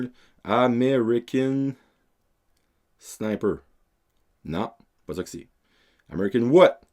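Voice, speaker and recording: A man's voice: fairly low pitch, darkish tone. A young man with a Québécois French accent, hosting a casual film review podcast in a rambling way, dropping English words and slang as he goes. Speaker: podcast host.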